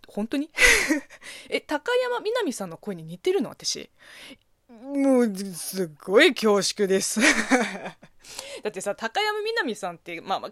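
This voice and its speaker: Giggly Chinese woman host, lively pitch. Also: no room sound, clean studio sound. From China. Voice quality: slightly husky, boyish low natural voice. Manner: giggly, laughs often, self-deprecating. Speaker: radio show host. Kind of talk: casual chat reading listener mail.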